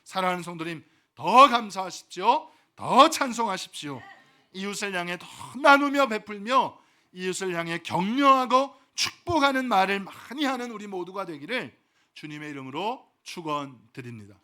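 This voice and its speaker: A male pastor preaching a sermon and leading his congregation in call-and-response, swinging from loud exhortation to soft asides. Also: sits high, expressive, normal speed.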